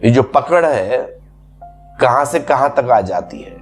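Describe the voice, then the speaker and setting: A man's voice: mid-range voice, animated, slow pace. Man, spiritual teacher, patient explaining, repeated examples, faint music behind. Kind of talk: spiritual discourse.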